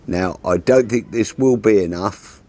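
A man in his sixties calmly explaining a fishing setup step by step, seated outdoors at a garden table and talking into a lapel mic. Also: on the low side, a little slow. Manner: calm, methodical, practical explanations. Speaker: fishing instructor. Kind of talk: step-by-step tutorial.

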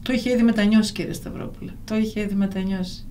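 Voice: medium pitch, fairly even intonation, darkish tone, a little hiss or hum. A radio interviewer who adds brief prompts and sums up the guest's stories. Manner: brief prompting remarks and summaries. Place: radio studio.

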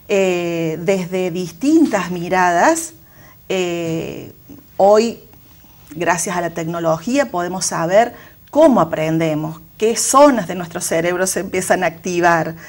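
Argentine woman, school director type; measured, reflective, restarts often. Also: mid-range voice. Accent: Argentine Spanish. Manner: thoughtful, many fillers and restarts. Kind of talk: reflective interview answers.

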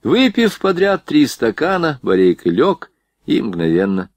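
A male audiobook narrator reading with expressive, animated intonation. The recording is dry and close, with no room sound. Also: medium pitch, a little slow, dry recording. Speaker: audiobook reader.

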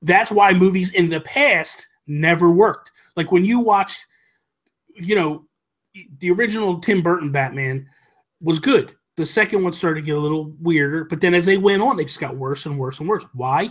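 Recorded on a desk microphone in a small home room, with headset headphones on, a middle-aged male podcast co-host chats casually and opinionatedly. He makes emphatic points and repeats them for stress, in a slightly high voice at normal speed with a fairly bright tone.

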